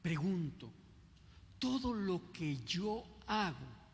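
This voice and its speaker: Older male pastor with a Mexico City accent, chatty halting sermon, slightly high voice, ringing church hall. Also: big pitch swings, creaky, husky. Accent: Mexico City Spanish. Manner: unhurried, conversational, frequent hesitations. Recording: echoey hall.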